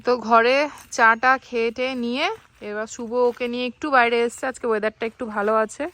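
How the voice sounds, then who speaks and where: A woman's voice: a little high, level tone, a little fast, a bit bright, no room sound. A woman chatting casually to the camera in a family travel vlog, walking through her day step by step. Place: resort room and car.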